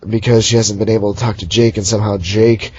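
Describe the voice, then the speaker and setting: A man's voice: on the low side, little pitch movement, fast talker, a little mellow, breathy edge, dry recording, lo-fi sound. A young man giving a rambling, sarcastic recap of a movie in casual chat, recorded at home on a computer mic. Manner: rambling, sarcastic, mocking character voices. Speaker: movie reviewer.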